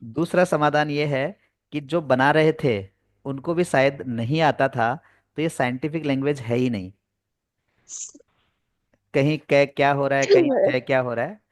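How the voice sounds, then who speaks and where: A man's voice: medium pitch, expressive, a little slow, pauses often, dry recording, studio quality. A man teaching spoken English in an online class, explaining in Hindi mixed with English terms, patient and repetitive. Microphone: video call.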